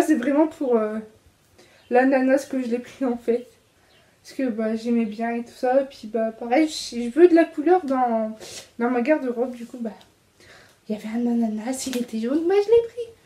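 High but soft and mellow, this young woman's voice carries a French accent as she walks through her clothing haul. A fashion vlogger, she keeps things casual and chatty, with fillers and self-corrections sprinkled throughout.

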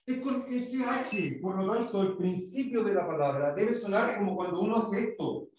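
A man's voice: high-pitched, moderate pace, a little mellow, slight background noise. A man teaching an English class, patiently explaining and modelling pronunciation for his pupils. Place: school classroom. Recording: echoey classroom, far from mic, dull.

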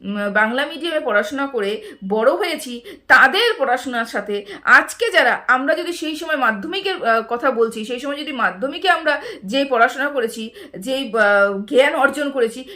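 A woman's voice: sits high, pushed and bright. A middle-aged woman giving casual, indignant commentary from home, scolding another creator with rhetorical questions. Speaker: YouTube commentator. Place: home, indoors.

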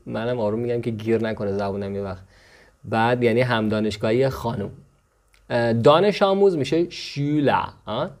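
A man's voice: mid-range voice, darkish tone. Chatty man teaching. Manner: slows down to spell out foreign words, then speeds up explaining; chatty, checks in with "okay?" and "right?". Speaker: language teacher. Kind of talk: casual language lesson.

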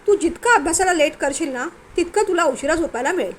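A woman's voice: high voice, lively intonation, fast talker, slight background noise. A woman voicing a stern young husband who scolds and mocks his wife while tutoring her. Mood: scolding. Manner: scolding, impatient, mocking.

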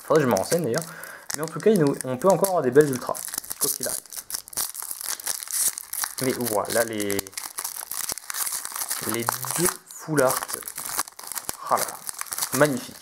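A man hosting a relaxed card-pack opening video, chatty and hesitant, reading out each card name as he goes. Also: medium pitch, moderate pace, long pauses, noisy background. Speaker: video host opening trading card packs. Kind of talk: relaxed unboxing commentary.

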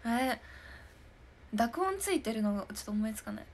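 A woman's voice: a little high, lively intonation, brisk, slight background noise. A young woman in her twenties hosting a stream, chatting casually and giggling as she answers viewer comments. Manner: giggly and chatty, often laughing. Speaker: idol hosting a live stream talk show.

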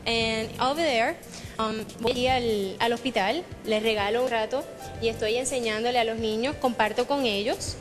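A woman's voice: a little high, fairly quick, over music. A woman in her twenties with a Puerto Rican accent, a native Spanish speaker, giving a poised, friendly pageant answer. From Puerto Rico. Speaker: beauty pageant contestant.

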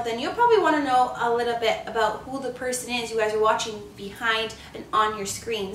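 A woman's voice: high-pitched, a bit bright, slight background noise. Chatty young woman, roomy distant sound. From Canada. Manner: upbeat, chatty, quick bursts of speech. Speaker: beauty vlogger. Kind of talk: casual chat to camera. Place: living room or home office, indoors.

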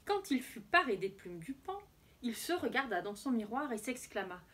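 A woman teacher reading a picture book aloud to children in an expressive storytelling voice. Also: on the high side, normal speed.

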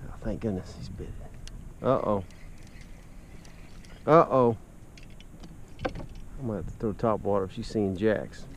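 A man hosting a fishing show from his kayak on an open lagoon, giving excited, laughing commentary to viewers, picked up by an action camera outdoors. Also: on the low side, slow pace, gravelly, long pauses, background noise. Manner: animated, laughing, calls out to viewers. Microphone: action camera mounted on the kayak.

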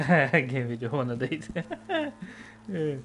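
A man's voice: medium pitch, slow, soft background music. Chatty male streamer with headset. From lives in the United Kingdom. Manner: relaxed, chuckles often, reads and answers chat; yelps and pleads when under attack in game. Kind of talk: live gameplay streaming, chatting with viewers. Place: home room.

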